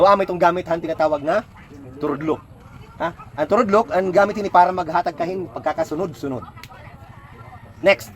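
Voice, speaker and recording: A man's voice: high-pitched, slight background noise. A man tutoring a child at home, patiently coaxing answers with lots of questions. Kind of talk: home lesson, quizzing a child.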